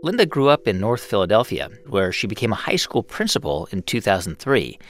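A man's voice: on the low side, huge pitch swings, fairly quick, fairly bright tone. A man hosting a radio show, reading scripted narration that builds emphasis as a story unfolds. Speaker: radio host. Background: music.

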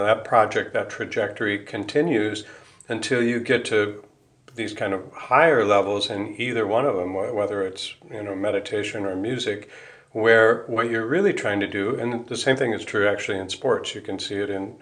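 An American musician and Buddhist priest answers interview questions as a guest, reflective and informal, thinking aloud and rephrasing as he explains ideas. His voice is lowish with a fairly bright tone.

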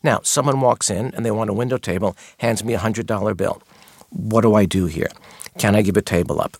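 A man's voice: lowish voice, fairly quick, a little mellow, husky, no room sound, clean studio sound. A middle-aged man who worked as a maitre d', answering interview questions with earnest storytelling. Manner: earnest storytelling, quotes guests in his retelling.

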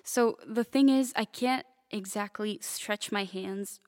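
A teenage girl from Italy talks as a guest in an interview, soft-spoken and hesitant, with lots of small fillers. Her voice sits at a middling pitch. The sound is dry and close, with no room around it. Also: slow pace, dry recording. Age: teens. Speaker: young pianist guest. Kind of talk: casual interview answers.

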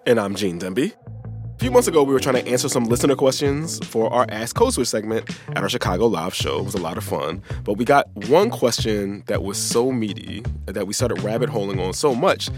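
A man's voice: on the low side, expressive, a little fast, music in the background. A man hosting a podcast in an informal, slangy, conversational way. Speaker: podcast host.

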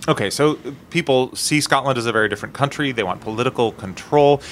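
A male radio host asks his reporter clear, measured questions. His voice is at a middle pitch. A soft hiss lies faintly behind him. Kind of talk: news interview questions.

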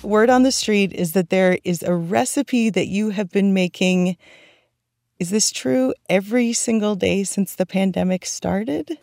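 A friendly, playful woman hosting a podcast in casual chat. Her voice is at a middle pitch, with light music under a dry, close recording. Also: a little slow, gravelly, darkish tone, dry recording. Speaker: podcast host.

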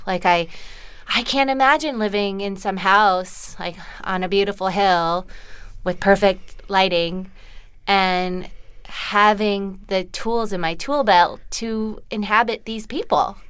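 A woman's voice: medium pitch, a little slow, a bit bright, clean tone, no echo. A woman who grew up with Korean as her first language, chatting as an interview guest in a rambling, self-deprecating way. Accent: American. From born in Los Angeles to Korean parents. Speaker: actress guest. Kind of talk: casual interview chat.

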